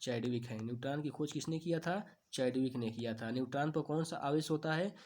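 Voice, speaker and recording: A man teaching exam questions, asking each answer back as a question and then repeating it, stretching key terms slowly. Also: medium pitch, a little mellow. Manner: slow, drawn-out stresses on key terms. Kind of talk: quiz-answer lesson.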